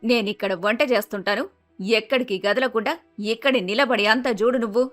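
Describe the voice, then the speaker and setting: A woman's voice: a little high, fairly even intonation, a little fast, faint music behind, lightly acted. A woman voicing a bossy older mother-in-law in a cartoon story, scolding and domineering.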